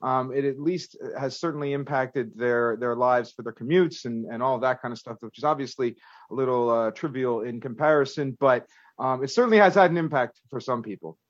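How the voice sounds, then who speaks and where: A man's voice: mid-range voice, brisk, no echo, highs cut off. A man hosting a podcast, moving between prepared remarks and conversation. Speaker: podcast host. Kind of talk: podcast hosting, scripted opening and chat.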